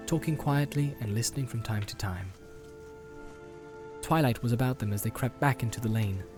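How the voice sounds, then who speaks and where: A man reading an audiobook aloud, in calm, even scripted narration. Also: mid-range voice.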